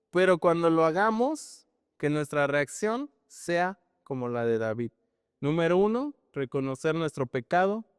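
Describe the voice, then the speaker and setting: A man's voice: fairly high pitch, clean tone, no echo, clean studio sound, big-room sound. A man preaching a sermon in a conversational, storytelling way, often tagging his sentences with questions. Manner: conversational, frequent tag questions, animated storytelling.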